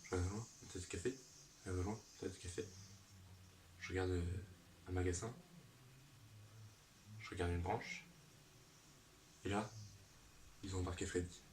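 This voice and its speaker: Man, low voice, absurd comic storytelling, rambling, spoken sound effects, distant mic, noisy background. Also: fairly even intonation, moderate pace, long pauses, a little mellow.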